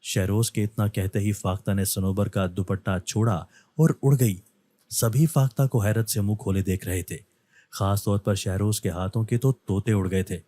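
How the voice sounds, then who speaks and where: A male storyteller giving scripted narration of a story in a steady, measured reading. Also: fairly low pitch, no room sound.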